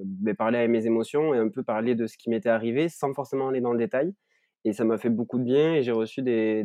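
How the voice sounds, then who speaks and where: A content creator in his twenties from Ariège in southern France, with a southern French accent, appears as a remote podcast guest, reflectively telling stories about his experiences. His medium-pitched voice is warm and mellow, recorded close, dry, and somewhat muffled. He speaks unhurriedly and thoughtfully, often pausing, restarting, and using many fillers.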